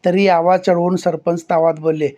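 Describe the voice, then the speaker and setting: A man reading a literary short story aloud in a measured, expressive narration. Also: high voice, highs cut off. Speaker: story reader.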